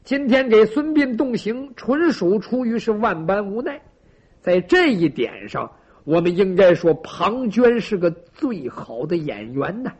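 A man's voice: sits high, very animated, a little slow, breathy edge. A man telling a traditional story dramatically, with sound effects and asides to listeners, in a lo-fi recording. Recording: lo-fi dull recording.

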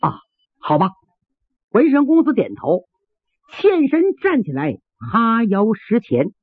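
A man telling a traditional Chinese story in a dramatic, animated way, with vivid sound words. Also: very high-pitched, measured pace, no room sound. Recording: tinny phone-like sound, dry.

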